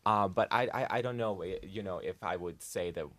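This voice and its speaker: Young man, from Croatia, group member, earnest, lowish voice, dry close mic. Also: brisk, a bit bright, no echo. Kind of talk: casual interview answers.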